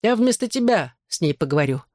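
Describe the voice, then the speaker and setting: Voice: mid-range voice, very animated, fast, a little mellow, no echo, studio quality. A narrator voicing a cheeky, meddling teenage boy in an audiobook, teasing and theatrical. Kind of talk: audiobook character voice.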